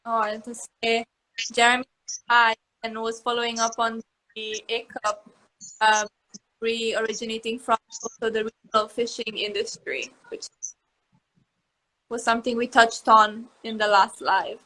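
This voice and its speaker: A woman's voice: a little high, level tone, normal speed, pushed and bright, low-quality recording. A woman hosting a live Q&A, reading out viewers' questions and keeping things moving in an upbeat way. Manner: upbeat, moves things along. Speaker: live Q&A host.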